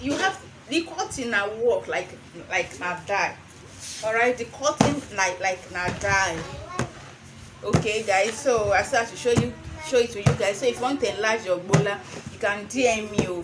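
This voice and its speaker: Woman, Nigerian accent, mid-pitched voice, informal instructional vlog, Pidgin-inflected phrasing, repetitive emphasis, noisy recording. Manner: slips between English and Pidgin phrasing. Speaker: herbal remedy seller and vlogger. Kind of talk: informal how-to demonstration to camera.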